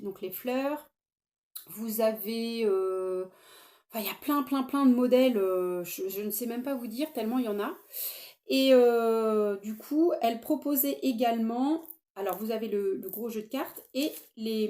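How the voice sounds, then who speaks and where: A woman's voice: a little high, dark tone. A middle-aged woman chatting enthusiastically to camera about knitting, with frequent fillers and restarts. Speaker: knitting podcaster. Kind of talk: casual chat to camera.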